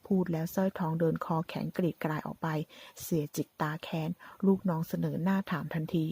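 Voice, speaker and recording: A woman narrating a drama story as a recap, reading in a steady, even way. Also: sits low, brisk, vocal fry, breathy edge.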